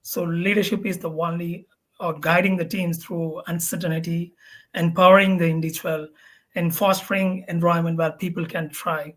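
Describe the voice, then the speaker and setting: A man's voice: fairly high pitch, flat delivery, moderate pace, a bit bright. Male panelist, formal delivery, stiff phrasing. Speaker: lead product designer, panel guest. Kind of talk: panel discussion.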